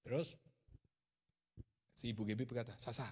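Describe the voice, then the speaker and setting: A middle-aged man preaching a sermon to a congregation, telling animated stories and sometimes raising his voice sharply. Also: mid-range voice, moderate pace, breathy edge, long reverb tail. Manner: animated storytelling, shouting in acted quotes. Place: church.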